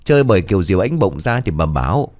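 A man voicing a stingy, scolding middle-aged village mother who nags in a fast, sharp way. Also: sing-song. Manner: nagging, shrill scolding.

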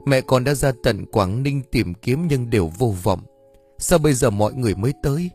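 A man's voice: medium pitch, animated, moderate pace, darkish tone, breathy edge, faint music behind. A man voicing a shaken grown son in an audio story, asking choked, pleading questions. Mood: grieving.

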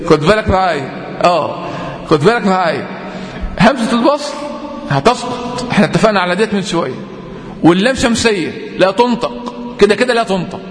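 A man with an Egyptian accent teaching Quran recitation rules, explaining patiently with lots of repetition and slowly drawn-out example readings. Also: high-pitched, lively intonation. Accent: Egyptian Arabic. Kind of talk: tajweed lesson. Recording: echoey room with long reverb.

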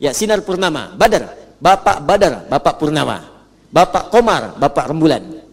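A high-voiced man leads a Quran recitation lesson from a stage. He talks with animated energy, stretches the verses into a slow chant and calls on the class to repeat them. His voice rings with the long reverb of a large hall. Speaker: religious teacher.

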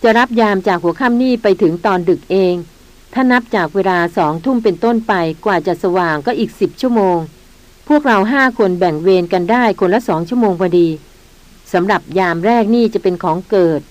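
Gentle, deferential male jungle guide, read by a woman narrator. Audiobook reading. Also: mid-range voice, moderate pace, close to an everyday voice. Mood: polite. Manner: gentle, polite.

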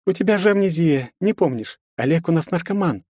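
A man reading an audiobook, voicing a young woman who often speaks in a hushed voice. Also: fairly high pitch, lively intonation, fairly quick, no echo, studio quality, voice pushed up. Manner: hushed, whispering at times. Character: young woman, sister, teasing and quiet. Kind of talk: audiobook character voice.

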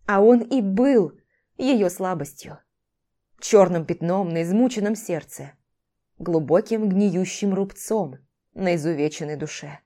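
A woman narrating a novel as an audiobook in an expressive, measured reading. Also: fairly low pitch. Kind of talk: scripted narration.

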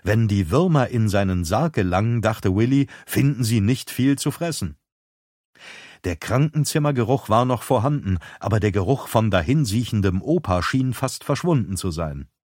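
A man narrating an audiobook in a calm, even storytelling voice. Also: lowish voice, normal speed, dry recording, studio quality. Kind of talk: scripted narration.

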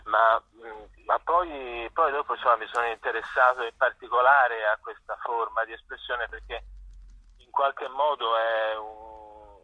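A middle-aged visual artist speaks in a steady, mid-range voice, a little slowly, with no room sound. His conversational interview answers come through dull, telephone-like radio audio, and he hesitates and repeats himself while looking for words.

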